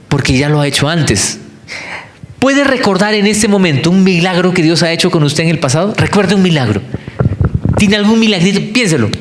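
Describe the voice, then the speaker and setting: A Colombian-accented male preacher with a slightly high voice, delivering a sermon in a church. He tells stories with animation and keeps turning to the congregation with direct questions. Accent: Colombian, Bogotá.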